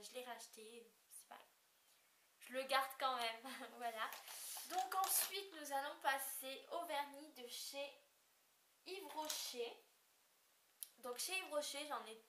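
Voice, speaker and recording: A woman's voice: high voice, fairly bright tone. A young woman chatting casually in a haul video, hesitant and full of fillers. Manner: hesitant, many fillers, apologetic about describing colors. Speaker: beauty vlogger. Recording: echoey room with faint hiss.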